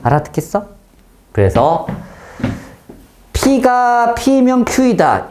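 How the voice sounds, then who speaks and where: In a slightly high voice, a man leads a math class, regularly pausing to confirm that students follow him. He switches between polite and blunt speech and breaks into sudden loud exclamations, with a little hiss or hum on the recording.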